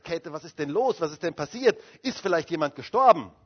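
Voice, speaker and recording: A man plays a blustering, short-fused older husband who repeats his questions and demands an answer, his voice pitched high and pushed loud. The sound is dull and lo-fi, like an old sermon tape. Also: expressive, a little fast, slightly rough. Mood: demanding.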